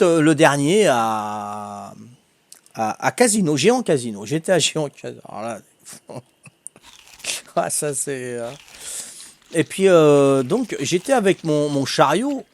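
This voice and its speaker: An older man with a high, light voice tells stories to his stream in a rambling, chatty way, laughing often. His is clear, and the sound is close and dry, with no room echo. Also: sing-song, a little slow. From Corsica. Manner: chatty, laughs often, full of fillers and repeats. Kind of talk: casual anecdote telling.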